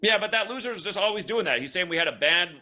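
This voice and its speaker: A man with a bright, tense, slightly high voice holds forth on his own show. He rants in an aggrieved, repetitive way, swears often and keeps stammering over the same words. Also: lively intonation, fast. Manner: repetitive, aggrieved ranting with frequent profanity. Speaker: online sports betting show host. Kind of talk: casual livestream monologue.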